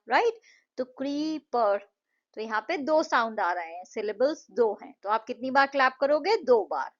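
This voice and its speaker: A woman tutor, her voice a little high, takes children through an English lesson. She talks patiently and stretches words out slowly to show each syllable. The recording sounds dull and lo-fi. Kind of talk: Hindi-English explanation of a textbook lesson.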